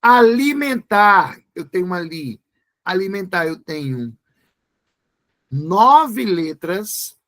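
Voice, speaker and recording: A man's voice: high voice, animated, slow pace, long pauses. A man teaching an exam-prep grammar lesson, spelling words out letter by letter.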